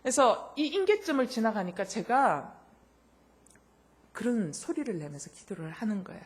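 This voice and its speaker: Loud, expressive woman preaching a sermon. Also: on the high side, normal speed. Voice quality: naturally loud voice. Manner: emotional storytelling, acts out quoted dialogue; swings between soft intimate lines and loud impassioned bursts. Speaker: pastor. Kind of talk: sermon with personal testimony.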